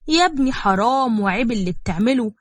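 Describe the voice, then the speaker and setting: A woman voicing a chatty, warm-hearted mother-in-law with an Egyptian accent, bantering and teasing. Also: on the high side, animated, fast talker, no room sound. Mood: confiding. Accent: Egyptian Arabic.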